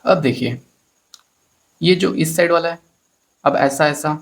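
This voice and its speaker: A man's voice: fairly high pitch, a little slow. A man teaching a maths lesson in Hindi with an Indian accent, explaining step by step and often addressing his students as friends. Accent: Hindi-speaking Indian.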